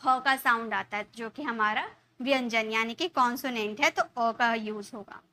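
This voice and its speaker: A woman's voice: fairly high pitch, moderate pace, sharp tone. A woman teaching a spoken English lesson in Hindi, explaining step by step and asking and answering her own questions.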